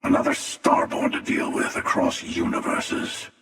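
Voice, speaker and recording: An actor playing a menacing, sardonic armored hunter in a video game, with a raspy whisper-like voice through a helmet filter, taunting and wry. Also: male voice, a little slow, a bit bright. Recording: echoing, distant, long reverberant processing.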